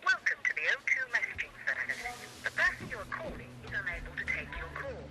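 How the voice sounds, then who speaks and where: A man's voice: very high voice, quick pace, vocal fry. A man's recorded answering machine message, a formal voicemail greeting played back through a phone line. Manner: formal, even announcer delivery. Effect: heard through a phone line. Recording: tinny phone playback under loud music.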